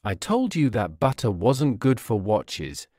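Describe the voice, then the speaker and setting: A blunt, riddling storybook hatter, voiced by a male narrator. He delivers odd remarks slowly, with a wide, animated pitch. The sound is dry and close. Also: no room sound.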